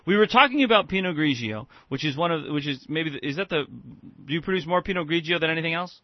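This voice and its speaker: A man's voice: on the high side, animated, quick pace, dry recording. A man with an American accent hosting a casual radio interview. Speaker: radio show host. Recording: dull lo-fi radio sound.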